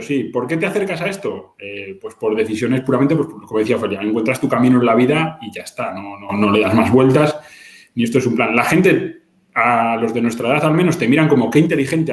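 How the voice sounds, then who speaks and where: A man's voice: medium pitch, roomy sound. A man, a lawyer speaking bluntly and emphatically in a panel discussion. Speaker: lawyer and book co-author.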